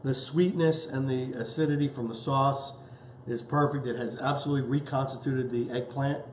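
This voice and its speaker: A man's voice: mid-range voice, fairly even intonation, normal speed, roomy sound, a little hiss or hum. A man hosting a casual home cooking show, chatting eagerly as he tastes his dish. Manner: enthusiastic, chatty, tasting food as he talks.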